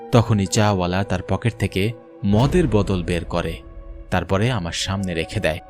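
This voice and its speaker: With faint music behind him, a man with a low-pitched, slightly mellow voice narrates a scripted horror story at a moderate pace. Speaking in first person, he plays a haunted government officer looking back on his visit to a mine.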